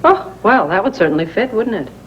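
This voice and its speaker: An actress playing a sharp, worried woman who questions and scolds her partner in a 1980s daytime soap, quick and pointed, heard from an old VHS tape transfer. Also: medium pitch, expressive. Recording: dull lo-fi VHS with faint hiss.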